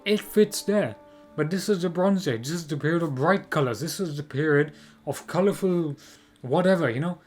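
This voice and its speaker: A man's voice: on the high side, moderate pace. A man giving opinionated video game commentary, emphatic and repetitive, often posing rhetorical questions. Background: music.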